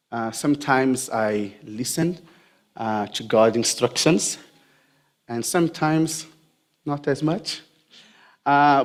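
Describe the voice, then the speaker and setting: Slow-speaking pastor, man. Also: mid-range voice. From Brazil. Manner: chatty, jokey, speaks straight to the congregation. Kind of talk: church sermon.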